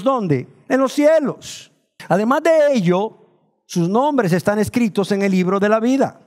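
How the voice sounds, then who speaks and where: A man born in Nicaragua preaching a sermon, asking his listeners questions and slowing down to stress the words of scripture. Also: very high-pitched, a little mellow. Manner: asks the congregation rhetorical questions. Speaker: pastor.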